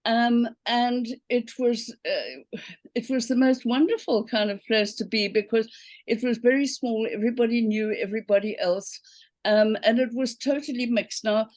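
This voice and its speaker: A woman's voice: a little high, moderate pace, a little mellow. A woman in her seventies with a South African accent, talking as a guest on a video call. She tells stories in a chatty way and often stops to check in with an "okay?" The sound is dry and close, with no room echo. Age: 70s. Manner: chatty storyteller, frequent ums and okays. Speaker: quilting teacher, guest. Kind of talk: casual interview chat.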